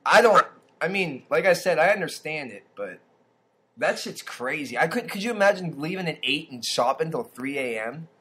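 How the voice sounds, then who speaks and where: Rambling young man, slightly high voice. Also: lively intonation, normal speed, bright, forceful tone, husky. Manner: rambling storyteller with many fillers and restarts. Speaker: podcast co-host. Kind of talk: casual chat.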